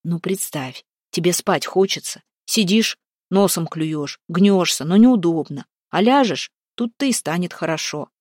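A woman voicing a wily older tsar who explains things calmly to his son. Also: lowish voice, measured pace, dry recording, clean studio sound. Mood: patient. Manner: calm, knowing, instructive.

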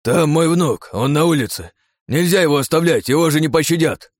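A man's voice: a little high, expressive, brisk, no echo, clean studio sound, pitched above the performer's own voice. A man voicing a stubborn, loyal old grandfather in an audiobook, speaking urgently in a raised voice. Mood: pleading.

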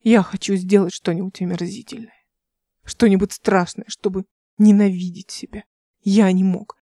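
A curt young male officer in a spoken audiobook, giving orders in a commanding tone, as a woman reader voices him. Dark, mellow voice, dry and close. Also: medium pitch, fairly even intonation, normal speed, dry recording, lightly acted. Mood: despairing.

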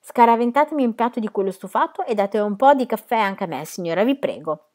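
A woman's voice: mid-range voice, lively intonation, a little fast, pitched above the performer's own voice, close to an everyday voice. A woman reading a novel aloud, voicing a quarrelsome drunk man who picks a fight in a diner. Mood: drunken. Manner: loud, blustering.

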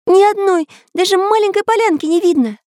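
A woman voicing an excitable boy pencil artist in a very high, piping voice, full of exclamations. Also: normal speed, no room sound, clean studio sound. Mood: alarmed. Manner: eager, exclaiming.

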